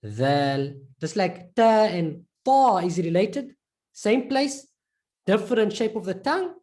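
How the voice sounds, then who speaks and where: A woman's voice: mid-range voice, lively intonation, unhurried, mellow. A woman teaching a live online pronunciation lesson, patiently drilling each sound by repeating it again and again. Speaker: Arabic teacher.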